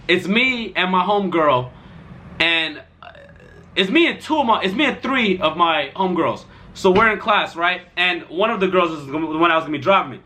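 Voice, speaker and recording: A young man tells a rambling storytime tale in a loose, slang-heavy way. His voice sits high and sounds bright and lively. He keeps circling back with fillers as he goes. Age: young adult. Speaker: storytime vlogger. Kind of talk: casual storytime.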